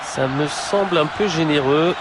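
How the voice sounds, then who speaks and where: A man giving excited live football commentary as lead commentator, exclaiming and shouting at goals and chances. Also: a little high, unhurried. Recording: loud ambient noise behind the voice.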